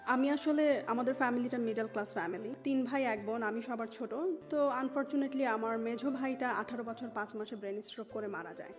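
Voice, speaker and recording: Her voice leans high and she talks fairly quickly, barely pausing, as she tells her life story as an interview guest. She is in her thirties, has a Dhaka Bangladeshi accent, and drops English into her Bengali. The sound is dull and muffled, with background music.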